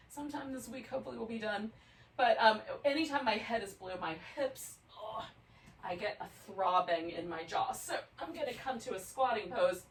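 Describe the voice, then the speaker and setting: A woman leads a yoga class in an easy, chatty manner and laughs often. Her voice sits at an ordinary middle pitch. She is picked up from some distance in an echoey room. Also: slight background noise. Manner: relaxed, chatty, laughs easily. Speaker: yoga instructor. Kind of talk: guided yoga class instruction. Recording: roomy sound, mic at a distance.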